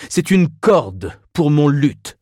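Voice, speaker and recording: A man's voice: on the high side, very animated, slow, darkish tone, no room sound, clean studio sound, voice pushed up, full character voice. A man doing a pompous, bellowing oddball. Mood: haughty. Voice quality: pompous, indignant, declaiming. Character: pompous bellowing huge young man, haughty.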